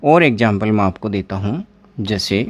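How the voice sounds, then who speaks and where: A man's voice: on the low side, animated, moderate pace. A man teaching an exam-prep pronunciation lesson, repeating words and asking his class questions as he writes at a board.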